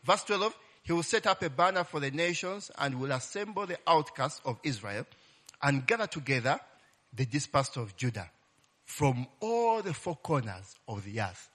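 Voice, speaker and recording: Preaching a casual Bible-teaching sermon in a call-and-response style, a man often tags phrases with "eh?" and cries out "Glory be to God" and "Hallelujah". His voice sits on the high side, a bit bright and sing-song, at a moderate pace.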